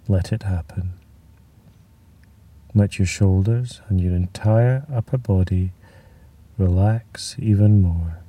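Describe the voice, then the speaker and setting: A man leading a guided muscular relaxation, speaking in a slow, soothing way that sometimes drops to a whisper. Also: lowish voice, dark tone, far from the mic.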